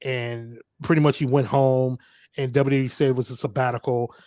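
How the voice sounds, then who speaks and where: A man's voice: mid-range voice, flat delivery, normal speed, a little mellow, no room sound. A man, hosting a casual podcast chat, rambling, laughing often and swearing freely. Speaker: podcast host.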